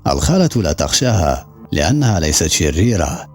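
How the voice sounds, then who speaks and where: A perceptive woman weighs her words with measured calm in a storybook reading, as a male narrator puts her on. The voice is low yet animated, with faint music behind. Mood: reflective.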